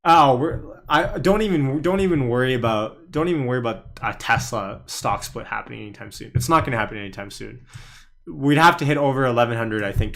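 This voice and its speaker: This mid-range male voice is creaky and a bit bright. He's a young day trader from Canada hosting a laid-back stock market stream, chatting away and laughing as he reads the chat out loud.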